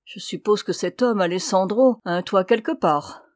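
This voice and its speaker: A woman's voice: medium pitch, moderate pace, no room sound, clean studio sound, natural voice. A woman reading an audiobook and voicing a proud aging mother who speaks coldly and reproachfully. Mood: bitter. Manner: cold, reproachful.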